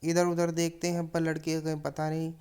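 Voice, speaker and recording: Teacher walking the class through a story, steady flat voice, smooth and clear. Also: mid-range voice, a little fast. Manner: retells the story plainly, with casual asides to the students. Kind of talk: explaining a story lesson.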